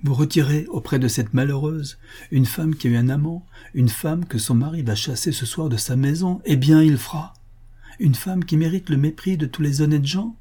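A domineering aristocratic husband, sardonic and menacing, as a man plays him in a husky, dark voice. Every line carries a scornful threat. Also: medium pitch, steady tone, moderate pace, natural voice. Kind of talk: audiobook character reading.

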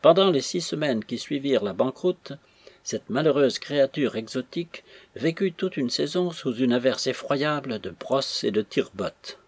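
A man reading a classic novel aloud in a steady, measured way, with a husky voice. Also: mid-range voice, no room sound. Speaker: audiobook reader. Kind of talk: scripted narration of a classic novel.

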